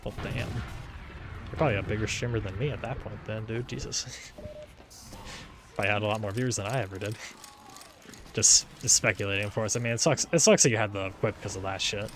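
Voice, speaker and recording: A twentysomething gaming YouTuber talks in a fairly low voice, brisk but with frequent pauses, as gunfire and explosions from an online game sound behind him. He rambles casually, restarting sentences, saying "like" a lot, and chuckling often.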